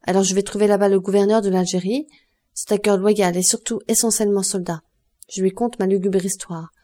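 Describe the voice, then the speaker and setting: A woman's voice: mid-range voice, fairly even intonation, brisk, dark tone, close to an everyday voice. A woman voicing an earnest young man who is a devoted son, in an audiobook reading. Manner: earnest, persuasive, forced cheer.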